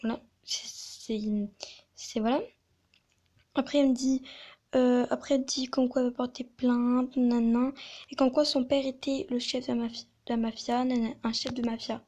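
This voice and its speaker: A woman telling a story in a casual video, talking quietly and hesitantly with many fillers and restarts. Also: fairly high pitch, little pitch movement, normal speed. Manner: soft-spoken, quiet. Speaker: video creator.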